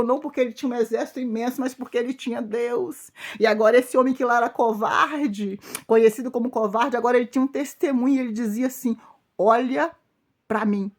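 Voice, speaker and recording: A Brazilian woman pastor delivers an informal sermon in a somewhat high voice. She speaks emphatically, repeats her phrases for weight and turns to her listeners directly. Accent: Brazilian Portuguese.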